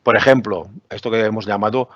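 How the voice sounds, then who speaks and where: Talking a little fast in a lowish, fairly bright voice, a lecturer walks through education topics over slides, patiently explaining and tagging many points with "¿no?" to check understanding. The recording is dry, dull lo-fi webinar sound without echo.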